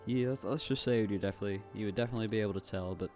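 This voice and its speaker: A man's voice: fairly low pitch, very fast, darkish tone. A young man from the southeastern United States with a light Southern accent, chatting casually and rambling over his gameplay. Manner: rambling, chatty, with frequent fillers and asides. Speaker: gaming YouTuber. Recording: faint music in the background.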